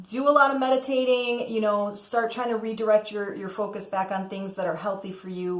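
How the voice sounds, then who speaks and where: A woman's voice: medium pitch, reverberant. A woman giving a casual, chatty tarot reading as host, often checking in with "okay?" and letting out cheerful whoops. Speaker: tarot reader.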